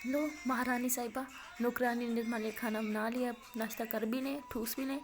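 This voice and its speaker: A woman's voice: on the high side, little pitch movement, music in the background, close to an everyday voice. Woman doing sarcastic scolding mother. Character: exasperated middle-aged mother, sarcastic.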